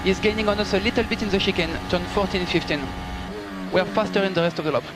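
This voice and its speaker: Loud music and heavy engine roar sit behind this high-pitched, fast-talking man on team radio. As race engineer, he politely instructs the driver in clipped phrases, updating numbers and gaps.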